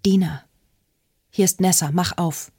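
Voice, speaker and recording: A woman's voice: lowish voice, fairly even intonation, unhurried, warm tone, breathy edge. A woman reads the part of a frightened young woman urging her sister to leave, in an urgent, pleading voice. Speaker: audiobook character.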